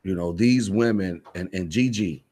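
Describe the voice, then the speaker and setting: A stage playwright and director, this American man talks casually as a radio guest, plain-spoken and slangy, repeating phrases for emphasis. His voice is low-pitched and dark in tone, at a moderate pace.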